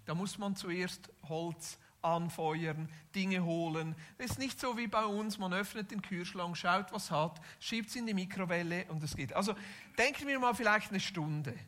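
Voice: mid-range voice, unhurried, a bit bright. A preacher retelling a Bible story in casual everyday speech, with modern asides.

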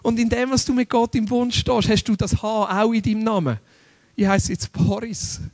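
A man's voice: high voice, steady tone, moderate pace, darkish tone, no echo. A man preaching a sermon in an earnest, conversational way, often asking rhetorical questions.

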